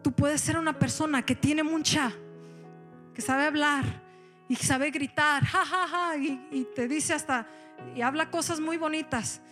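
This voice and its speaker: A woman pastor preaching an animated sermon, giving directions to the congregation and slipping into English phrases. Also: high-pitched, a little slow, soft background music.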